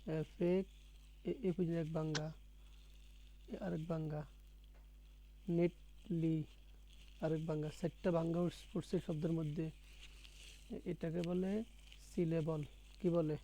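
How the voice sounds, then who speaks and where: Man, patient tutor, slow and repetitive, dark mellow tone. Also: on the high side, level tone, low-quality recording. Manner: patient, repeats words and quizzes the student. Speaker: English teacher. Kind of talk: one-on-one spoken English lesson.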